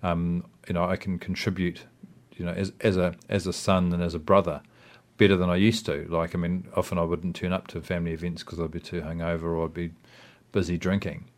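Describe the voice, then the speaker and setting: Low-voiced New Zealand man, hesitant and reflective. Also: flat delivery, fairly quick. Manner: hesitant, rambling, reflective, with frequent "you know" and "I mean". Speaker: interview guest. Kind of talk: casual personal interview.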